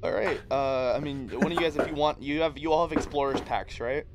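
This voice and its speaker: A man's voice: on the high side, a little fast, very noisy. A man with a Midwestern accent, narrating a tabletop game as game master, with many fillers and restarts. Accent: Midwestern American.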